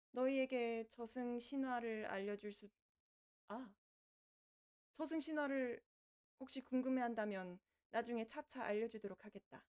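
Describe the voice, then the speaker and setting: A woman's voice: fairly high pitch, a little mellow, natural voice. A woman voicing a kindly, lordly female reaper from the underworld who chats to livestream viewers in archaic speech. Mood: composed, lordly. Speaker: virtual streamer hosting a debut live broadcast. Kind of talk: in-character livestream chat with viewers.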